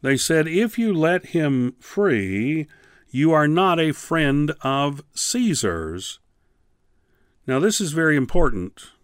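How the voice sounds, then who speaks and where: A male Bible teacher gives a radio lesson at an unhurried, deliberate pace. He reads scripture and then comments on it, pressing hard on key words with sudden rises. His voice is dry and close, with no room sound. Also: fairly high pitch, big pitch swings, no room sound.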